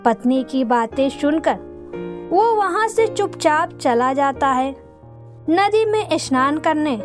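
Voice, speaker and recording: A woman narrating a devotional folk tale in a measured, dramatic reading. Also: sits high. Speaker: storyteller. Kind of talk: scripted narration of a devotional story.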